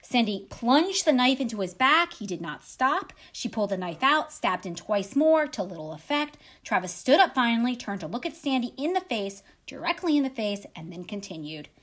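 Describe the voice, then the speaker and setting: Lady host narrating a grim true story, kinda high voice, drops dry little asides. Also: very animated, normal speed, few pauses, fairly bright tone. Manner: dramatic retelling with wry asides. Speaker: podcast host.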